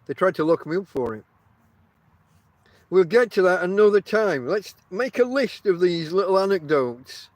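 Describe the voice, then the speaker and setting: This toothless middle-aged host articulates with lips over his gums as he riffs in wry, self-deprecating fashion on a casual, rambling podcast. His voice is high-pitched with lively intonation, moderately paced, with no room sound.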